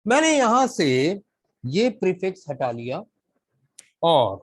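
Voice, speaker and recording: Slow-talking man teaching vocabulary. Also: high voice, huge pitch swings, rough recording. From Pakistan. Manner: slow, deliberate, mixes English into Hindustani. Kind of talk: live online class, explaining slowly. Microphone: video call.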